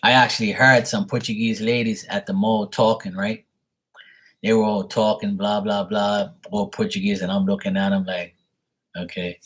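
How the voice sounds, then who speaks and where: Blunt, rambling low-voiced man. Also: little pitch movement, moderate pace, a bit bright, slightly rough. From Bermuda. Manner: blunt, rambling, swears casually. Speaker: tarot reader. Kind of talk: casual live-stream storytelling.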